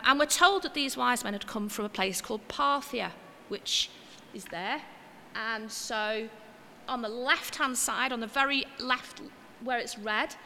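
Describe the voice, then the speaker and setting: A woman giving an informal sermon in a church, chatty and homely, with gentle self-mocking asides. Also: a little high, long reverb tail, a little hiss or hum. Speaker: preacher.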